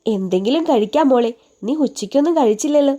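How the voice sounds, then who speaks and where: A woman's voice: a little high, expressive, fast, dark tone. A woman voicing a doting older lady doctor. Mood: fond, coaxing. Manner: affectionate, coaxing.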